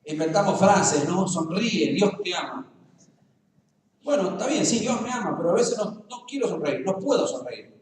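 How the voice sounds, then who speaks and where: Argentine preacher in a booming echoey church. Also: male voice, animated, fairly quick, hardly any pauses, a little mellow, far from the mic, slight background noise. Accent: Rioplatense Spanish. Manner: humorous, conversational, addresses the congregation directly. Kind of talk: sermon. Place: church hall.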